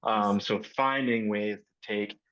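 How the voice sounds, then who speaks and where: Low-voiced man on a dull video call. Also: fairly even intonation, a bit bright. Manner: fast, filler-heavy explaining. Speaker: panel co-presenter. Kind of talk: casual panel discussion.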